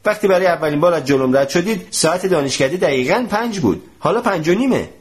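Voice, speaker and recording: Man doing excitable gentleman, high raised voice, lively swings, insistent, audiobook story. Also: close to an everyday voice. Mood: triumphant. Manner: exclaiming, eager, insistent. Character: excitable middle-aged man puzzling over strange things.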